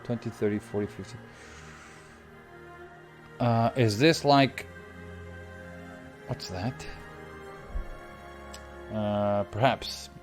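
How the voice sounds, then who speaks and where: Faint music plays behind a young Portuguese man as he streams a strategy game, thinking out loud and chatting with viewers in a Portuguese accent. His fairly low voice stretches words out, and he pauses often.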